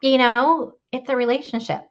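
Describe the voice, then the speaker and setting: A woman's voice: sits high, steady tone, moderate pace, dull audio. A woman guest telling her faith story in a candid, rambling way, with many fillers and laughs. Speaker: podcast guest. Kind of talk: faith testimony conversation.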